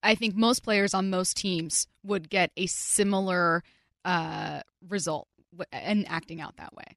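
A woman's voice: on the low side, unhurried, gravelly, fairly bright tone, no room sound. A woman sports reporter co-hosting a talk show, chatting in a wry, conversational way on a studio mic.

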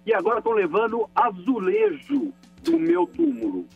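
A man's voice: very high voice, sing-song, moderate pace, vocal fry, slightly rough, soft background music. A man calling in over the phone, telling an indignant complaint with emphasis. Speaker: caller. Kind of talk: call-in complaint. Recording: muffled phone line.

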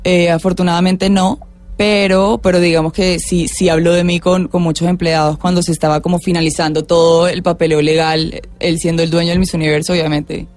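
A young woman sits as a guest in a relaxed talk-show conversation. She tells her story with real energy and acts out the voices of the people in it. Faint music plays softly behind her. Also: on the low side, brisk. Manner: animated storyteller, acts out what others said. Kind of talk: casual talk-show interview.

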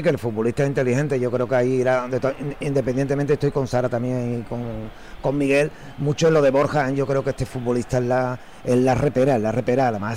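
A man giving conversational football punditry on radio, halting and repeating himself. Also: mid-range voice, warm tone, a little hiss or hum. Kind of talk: conversational live radio commentary.

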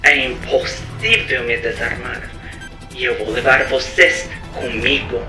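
A man voicing a menacing female AI robot bomb in a robotic voice, speaking in flat, measured declarations. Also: mid-range voice, reverberant, distant mic, over music.

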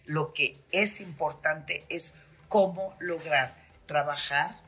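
A woman's voice: sits low, takes it slowly, fairly bright tone, breathy edge. A middle-aged woman with a Mexican accent hosting a podcast, giving frank, chatty advice with many fillers. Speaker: host.

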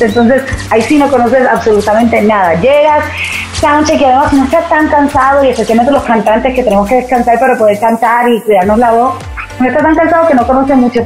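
Chatty Puerto Rican woman. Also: on the high side. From Puerto Rico. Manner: lively and chatty, with the filler "este". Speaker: singer, guest. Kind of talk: conversational interview.

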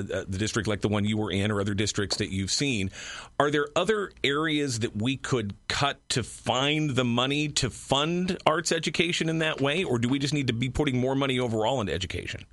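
An American man with a mid-pitched voice hosts a conversational interview. He feels his way into questions, haltingly repeating words. The recording is dry, with hardly any room sound. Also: expressive, fairly bright tone, dry recording. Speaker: program host and interviewer.

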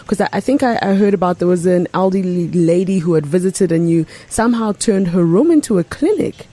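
Husky, mellow-voiced woman interviewer. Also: fairly low pitch, expressive, brisk, no echo. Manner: soft encouraging backchannels.

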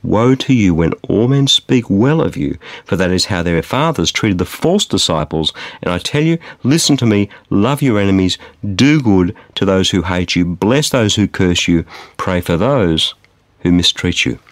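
Animated male radio preacher. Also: normal speed, no echo. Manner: animated preaching, dramatic pitch swings on quotes. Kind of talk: sermon. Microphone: studio microphone.

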